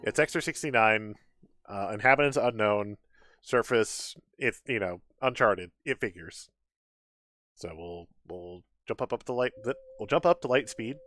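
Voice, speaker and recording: This game streamer's voice is fairly low and a bit bright, moving at normal speed as he chats casually through live commentary, tossing in wry asides and reading on-screen text aloud. Video game music plays in the background.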